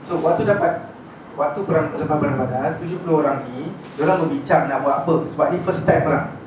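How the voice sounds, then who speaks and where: A man with a Malaysian accent giving an informal religious lecture to a class, telling the story with lively energy and often checking that his listeners follow. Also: on the high side, a little fast. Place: lecture room with an audience. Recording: echoey room, distant mic, background noise.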